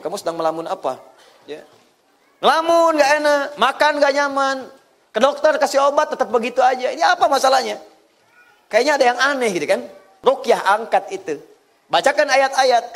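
A man preaching a sermon, animated and informal, swinging between loud emphatic bursts and soft low asides, with occasional laughter. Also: normal speed. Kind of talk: sermon with audience questions.

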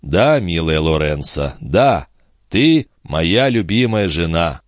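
A man voicing Balsamo, a proud, ambitious man who speaks in a measured, soothing way in an audiobook reading. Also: sits low, big pitch swings, dry recording, clean studio sound, full character voice. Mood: calm. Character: ambitious man, calm, proud, tender but cool.

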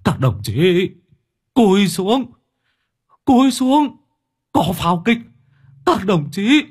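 A man voicing an old, shell-shocked male war veteran who cries out in a high, strained voice in an audiobook. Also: big pitch swings, slow pace, a little mellow, slightly rough, full character voice. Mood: alarmed shouting.

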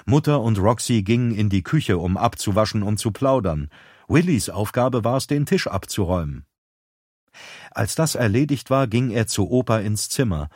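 A man narrating an audiobook in a calm, even storytelling voice. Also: fairly low pitch, no room sound, studio quality. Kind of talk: scripted narration.

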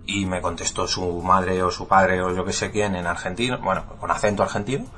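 A man's voice: deep voice, steady tone, fairly quick, fairly bright tone, faint music behind. A man from Spain with a Spanish accent, telling a story in a casual conversational way. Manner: anecdotal, conversational. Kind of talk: casual chat.

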